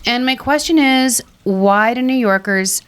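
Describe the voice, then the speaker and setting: A woman co-hosting a podcast in casual chat, telling stories in an animated, emphatic way. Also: on the high side, a little slow, clean tone. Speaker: podcast host. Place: salt cave with trickling water.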